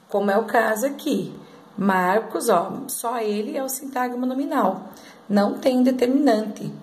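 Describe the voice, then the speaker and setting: A woman teacher giving a grammar lesson, explaining step by step and often checking in with her students. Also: mid-range voice. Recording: echoey room.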